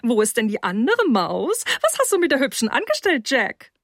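A woman voicing a tipsy, giggly middle-aged mother with a shrill, flighty manner in a storybook reading. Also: huge pitch swings, moderate pace, no room sound, clean studio sound, heavily acted.

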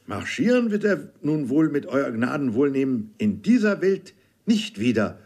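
A man's voice: mid-range voice, big pitch swings, measured pace, a little mellow, breathy edge, voice pushed up, heavily acted. Man doing a loyal, earnest old corporal. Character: loyal devoted army corporal servant, earnest and sober.

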